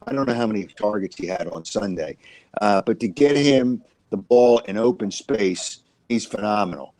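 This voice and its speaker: A man's voice: lowish voice, normal speed, darkish tone, dry recording, poor audio. A man talking through football analysis as a co-host, rambling and repeating himself with frequent uhs. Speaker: sports co-host. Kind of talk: casual sports analysis chat.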